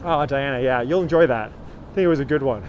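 A man in his thirties with a medium-pitched, brisk voice leads a live-streamed walking tour on a city street, chatting and greeting viewers by name. He films himself on a phone held at arm's length as he walks, with street traffic audible behind him.

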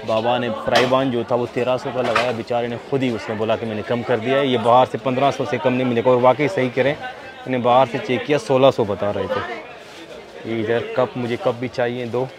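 A man's voice: mid-range voice, fairly quick. A man vlogging his shopping trip, chatting and haggling playfully with sellers at an outdoor market. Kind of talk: casual shopping vlog. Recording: busy outdoor market crowd.

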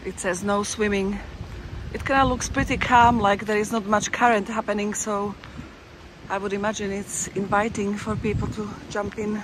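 A woman's voice: medium pitch, flat delivery, moderate pace. A woman giving casual, playful walking-tour commentary outdoors by a river, musing aloud as she goes. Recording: outdoor recording with street noise.

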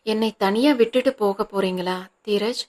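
A woman's voice: mid-range voice, normal speed, a little mellow, lightly acted. A woman voicing a frightened young wife who anxiously begs her husband not to leave her, in an audiobook. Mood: fearful.

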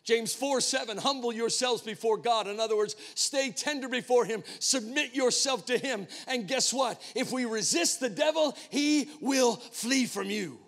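A male pastor preaching a sermon, telling a personal story with dramatic swings between hushed and emphatic delivery. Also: very high voice, unhurried, few pauses, in a large hall. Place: church sanctuary.

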